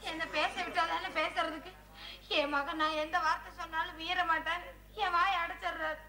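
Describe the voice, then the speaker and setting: A woman's voice: very high voice, level tone, normal speed, bright, forceful tone, exaggerated voice. A woman playing a tearful young sweetheart. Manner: emotional, pleading. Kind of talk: village stage drama. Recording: echoey open-air stage with music.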